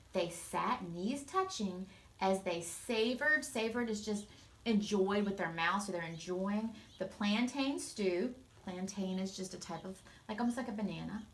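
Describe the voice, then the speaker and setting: Teacher reading a storybook to kids, unhurried pace, pauses to explain words. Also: female voice, mid-range voice, echoey room, poor audio. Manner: slow, explaining words to children. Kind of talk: reading a picture book aloud.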